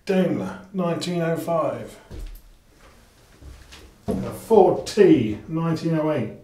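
A man's voice: fairly high pitch, animated, slow pace, dark tone. A middle-aged man chatting casually as he works, talking through a DIY job in a small tiled bathroom. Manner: chatty, practical, thinks aloud with fillers. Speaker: DIY vlogger. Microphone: action camera. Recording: echoey tiled room, faint noise.

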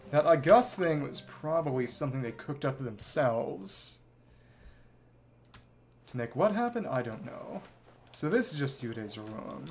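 Casually commenting on a game during a livestream, a man hosting through a virtual avatar thinks aloud in clipped bits and reads pieces of dialogue. His voice is medium-pitched and darkish, with slight background noise.

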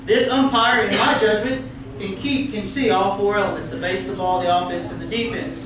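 He speaks at a moderate pace with fairly even intonation and a voice that sits high: a middle-aged man with a Texan accent coaching umpires in a large meeting room, asking the room questions and telling folksy jokes. The background is noisy, and the clip comes from a far room camera with no mic in view, sounding very echoey and distant.

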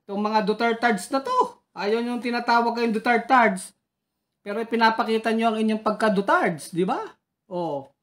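A woman speaks in a slightly higher voice as a political commentator. She taunts and challenges her critics head-on, firing off questions one after another in a combative, heckling way. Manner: taunting, heckles critics and reads their names.

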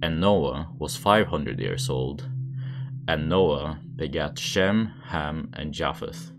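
A man reading scripture aloud in a monotone manner. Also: very deep voice, slow, noisy background. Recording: background music under the voice. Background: music.

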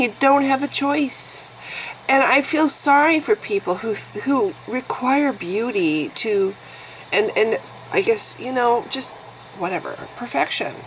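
A nasal-voiced woman in her fifties, a YouTube vlogger, talks candidly to the camera in a blunt, sarcastic way. Her pitch is medium, and the poor audio carries a slight hiss or hum.

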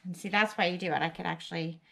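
Quick-paced and steady in tone, this woman has a lowish, gravelly, slightly bright voice on a low-quality recording. Working in her kitchen, the homesteading vlogger and home cook chats practically and casually about her cooking project, thinking aloud, with a camera mounted above the stove and counter.

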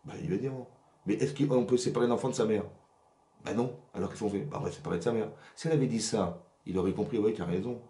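A man giving a religious lesson to women as a rabbi, animated and often checking whether the audience has understood. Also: on the low side, quick pace, reverberant. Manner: animated, asks "vous avez compris?" often. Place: rented workshop room.

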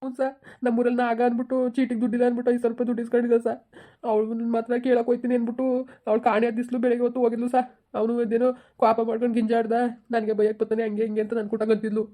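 A woman's voice: on the high side, little pitch movement, rapid-fire, dark tone, close to an everyday voice. A woman playing a grieving middle-aged village husband, crying and pleading in a village drama. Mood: tearful. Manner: pleading, sobbing speech.

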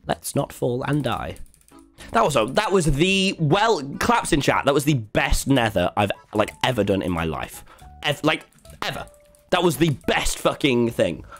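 A man livestreaming a game, chatting to his viewers in an animated, sweary, exclaiming way with music behind him. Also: mid-range voice. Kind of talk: excitable game stream chatter, talking to chat. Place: indoors at a computer.

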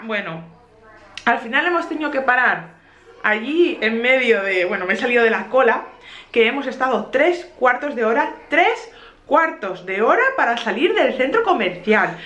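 Animated young Spanish mom, roomy echo. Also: female voice, on the high side, normal speed. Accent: Spain Spanish. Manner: animated, laughing while telling an anecdote. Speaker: vlogger mother of two. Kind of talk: casual storytelling vlog.

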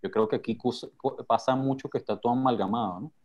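A man's voice: medium pitch, fast talker, muffled recording. A man on a video call, explaining his ideas about a book with many fillers. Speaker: moderator of a book talk. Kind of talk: casual video call conversation.

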